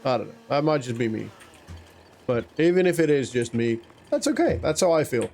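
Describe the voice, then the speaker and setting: A gaming YouTuber, a man whose first language is Afrikaans, chats casually over a farming game in let's-play fashion, rambling, talking to himself, and chuckling. His medium-pitched voice is brisk, creaky, and darkish, with big pitch swings, and there's slight background noise.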